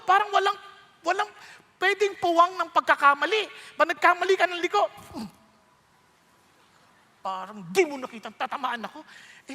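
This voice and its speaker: A man with a Filipino accent preaching a conversational sermon, animated and joking as he moves between his own language and English. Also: extremely high pitch. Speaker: pastor. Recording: reverberant hall.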